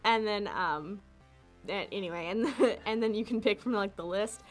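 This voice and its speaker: A young woman answers chat questions on a casual livestream at a middle pitch. She rambles, giggles and restarts her sentences as she goes. Faint music plays quietly in the background. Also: moderate pace. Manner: rambling, giggly, self-interrupting.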